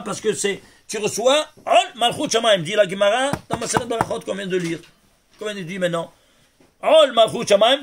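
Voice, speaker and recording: A man teaching as a rabbi, his voice set high and bright. He works through numbers with animated exclamations and talks directly to the people in front of him. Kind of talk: Torah lesson on gematria.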